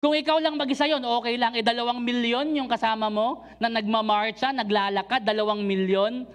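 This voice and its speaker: High-pitched man preaching a sermon. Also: steady tone, fairly quick. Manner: calls out to the congregation with rhetorical questions; dramatic, swings between loud urging and low intensity. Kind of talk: sermon mixing Tagalog and English. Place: church service.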